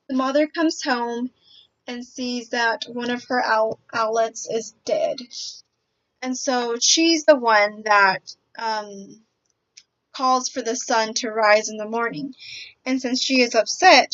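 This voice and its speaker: A woman giving a picture book summary in a hesitant, halting way, often pausing mid-sentence. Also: on the high side, a bit bright. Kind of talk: semi-scripted picture book summary presentation. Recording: dull, lo-fi audio.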